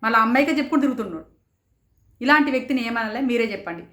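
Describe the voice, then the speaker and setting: High-pitched woman, indignant show reviewer, lots of rhetorical questions. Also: animated, a bit bright, echoey room. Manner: rapid, rhetorical, indignant, quotes others in raised voices. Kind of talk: passionate commentary.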